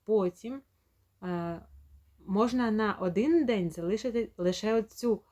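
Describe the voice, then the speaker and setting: A woman speech therapist walks parents through a home lesson in an even, middle-pitched voice. She explains step by step and stops to act out each sound slowly and clearly.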